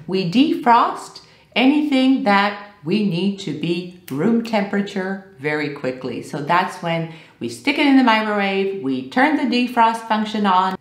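Woman, 30s, video English teacher, animated and deliberate, roomy sound. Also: mid-range voice. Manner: animated, gestures a lot while explaining. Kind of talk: video lesson explaining vocabulary. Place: small room with bookshelves, indoors.

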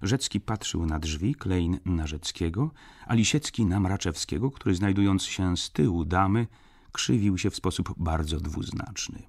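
Male audiobook narrator, low voice, husky, lively intonation, literary reading. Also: a little slow.

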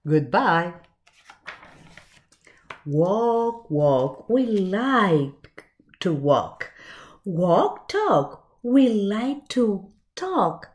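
Speaking in a mid-range voice, a woman reads a picture book to young children at a very slow, animated pace. She adds expressive asides and questions for her audience, and the setting is a small indoor room with shelves.

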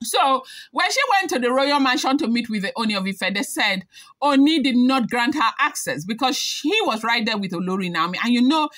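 Bright, chatty woman gossiping. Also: on the high side, animated, a little fast. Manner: chatty, hedging with repeated disclaimers. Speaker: celebrity gossip vlogger. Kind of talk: casual gossip commentary to camera.

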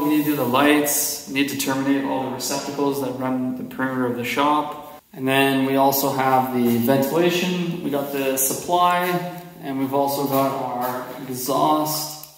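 A young man giving an upbeat, chatty tour of his basement workshop, filmed with a handheld camera at arm's length. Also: medium pitch. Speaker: DIY vlogger. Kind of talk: casual vlog narration. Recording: echoey bare room.

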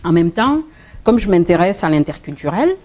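A middle-aged woman with a French accent, telling her own story in an interview, hesitant with many restarts and quick laughs. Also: lowish voice, big pitch swings, darkish tone. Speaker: interview guest.

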